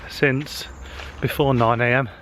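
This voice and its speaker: A social media marketing vlogger walks uphill on a wooded hill path, filming a casual vlog on a handheld camera, a bit winded and slightly out of breath. His mid-pitched voice is slow, a bit bright, fairly even in intonation, and chatty with frequent "uh" fillers, over faint outdoor hiss.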